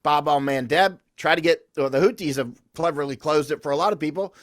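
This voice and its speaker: A man's voice: fairly high pitch, brisk, dry recording, studio quality. A man speaking as a podcast guest, telling rambling, anecdotal stories with restarts and confident, emphatic declarations. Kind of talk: conversational interview storytelling.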